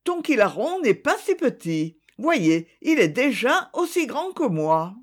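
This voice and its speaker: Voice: medium pitch, sing-song, a little slow, pitched above the performer's own voice. A storyteller voicing a clever little farm girl who pleads eagerly to keep her donkey. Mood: pleading. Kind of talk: storybook reading.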